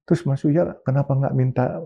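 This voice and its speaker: Male business guest, husky and gravelly, animated storyteller, dull lo-fi audio. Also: medium pitch, moderate pace. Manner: animated, emphatic, mixes in English phrases. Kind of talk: interview storytelling.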